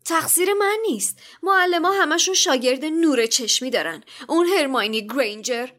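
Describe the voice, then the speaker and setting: A woman voicing a spoiled, quick-tongued teenage boy who talks back sulkily. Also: high voice, lively intonation, fairly bright tone, pitched above the performer's own voice. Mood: sulky. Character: spoiled sulky schoolboy.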